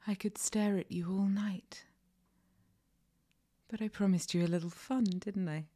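Slow breathy whispering woman. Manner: slow, commanding, soft whispering with endearments; low breathy whisper, soft laughs. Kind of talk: whispered ASMR roleplay.

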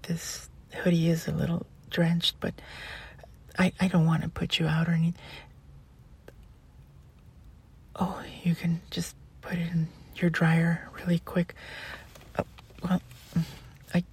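A woman in an ASMR role-play, playing a flustered, polite college student who delivers food, with a breathy, husky voice and a hesitant, stammering, apologetic manner. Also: on the low side, darkish tone, exaggerated voice.

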